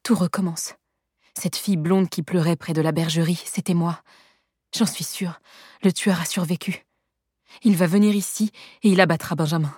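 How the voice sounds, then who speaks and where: A woman's voice: on the low side, fairly even intonation, normal speed, darkish tone, breathy edge, dry recording, studio quality. A woman reading the lines of an alarmed young woman talking to herself in an audiobook. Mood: anxious. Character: young blonde woman, frightened and anxious.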